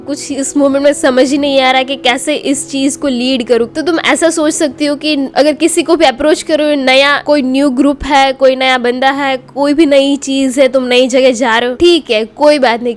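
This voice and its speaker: A woman giving motivational advice, speaking straight to the listener and mixing English phrases into her talk. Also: high voice. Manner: direct, addresses the listener personally; mixes English phrases into Hindi speech. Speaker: self-improvement vlogger.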